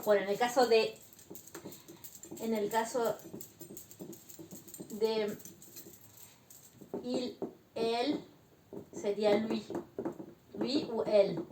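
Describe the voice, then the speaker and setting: A woman teaching beginner French, explaining slowly and patiently and often checking that her students follow. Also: on the high side, steady tone, reverberant, noisy background. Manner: slow, patient explaining with frequent check-ins. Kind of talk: beginner language lesson.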